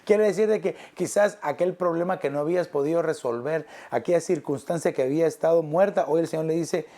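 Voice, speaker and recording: This is a man's sermon, delivered in a sincere, shepherding manner with listeners called brother. He lingers over his words and drops his voice gently low.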